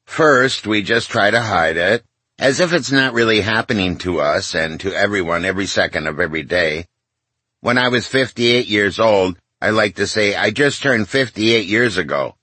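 A man in his sixties with a low, husky voice tells his memoir as if talking to his mother. He sounds wry and confiding and slips in jokes at his own expense. The sound is close and dry. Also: lively intonation, moderate pace, sharp tone, no room sound. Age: 60s. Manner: wry, confiding, conversational with self-mocking asides. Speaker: memoir author.

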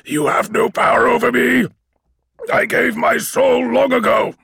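A man voicing a defiant male demon who roars and shouts his threats. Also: very high-pitched, level tone, a little slow, creaky, breathy edge, dry recording, clean studio sound, voice pushed up, heavily acted. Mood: roaring fury.

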